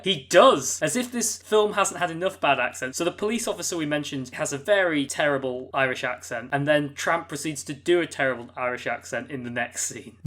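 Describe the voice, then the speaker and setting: Male co-host, casual and reflective, quick to laugh. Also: a little high, a bit bright. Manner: chatty and reflective, laughs often. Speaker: podcast co-host. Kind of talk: casual film discussion.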